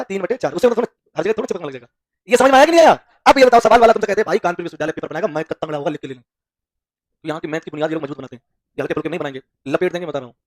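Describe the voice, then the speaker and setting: High, fast-talking male maths teacher. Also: dry recording, clean studio sound. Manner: quizzing students with repeated call-and-response questions; folksy, teasing classroom humor. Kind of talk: classroom maths lesson.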